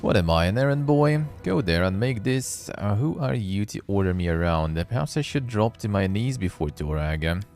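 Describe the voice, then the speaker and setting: A man's voice: lowish voice, lively intonation, moderate pace, creaky, a little mellow, faint music behind. A man voicing a scornful, contrary male companion in a fantasy game, grumbling and sarcastic. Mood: indignant.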